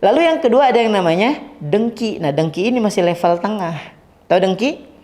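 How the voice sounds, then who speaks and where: A man giving a casual Islamic study talk to a live audience, lively and joking, acting out little dialogues and asking the audience questions. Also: high-pitched, fairly quick. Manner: lively, acts out quoted dialogue, jokes with audience. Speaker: Islamic preacher.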